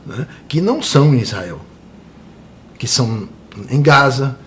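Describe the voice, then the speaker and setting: A man's voice: mid-range voice, big pitch swings, unhurried, slight background noise. A man from Brazil, a tour guide, speaking earnestly as an interview guest and often adding tag questions.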